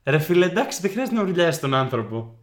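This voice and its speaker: A man's voice: on the high side, big pitch swings. Wisecracking man in an echoey room. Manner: teasing, wisecracking interjections. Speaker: podcast co-host. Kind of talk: casual podcast chat.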